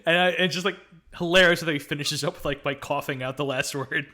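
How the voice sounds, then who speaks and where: A man co-hosting a film podcast in casual chat, laughing often and acting out lines in quick bursts. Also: a little high, sharp tone. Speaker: podcast co-host.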